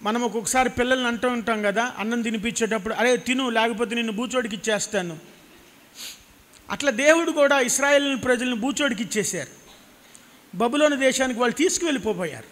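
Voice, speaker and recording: Speaking quickly in a very high, fairly bright voice, a pastor in his thirties with a Telugu accent preaches impassioned words into a handheld mic. He repeats phrases for emphasis from a church stage set against a cross, and the recording has hall reverb.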